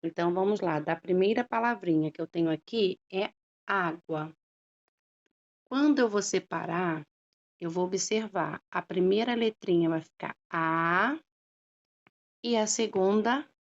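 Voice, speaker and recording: A woman teacher talks through a lesson at a very slow, unhurried pace, drawing out each syllable and pausing to check that her students follow. Her voice sits at a middle pitch, and the recording is dull and lo-fi. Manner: patient, drawn-out syllables, frequent "tá?" checks. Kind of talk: slow classroom explanation.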